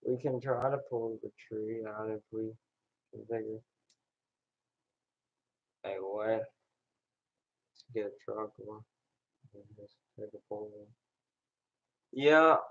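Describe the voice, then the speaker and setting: The recording is dull and lo-fi. A man talks casually at a middle pitch, rambling and hesitating as he thinks aloud. His delivery is unscripted and conversational. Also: slow pace, pauses often. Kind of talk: casual chat. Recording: dull lo-fi sound.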